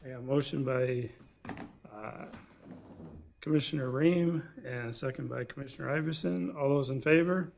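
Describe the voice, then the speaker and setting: A man with a measured, gravelly delivery, speaking formally as the chair of a commission meeting. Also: medium pitch, a little mellow. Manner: measured, procedural. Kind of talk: formal procedural meeting talk. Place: public meeting room.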